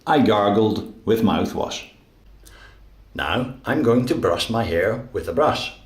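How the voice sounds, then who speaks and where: Guy teaching english real slow, lowish voice, echoey room. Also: animated. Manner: clear, deliberate teaching delivery. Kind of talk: slow, simple narration of daily actions.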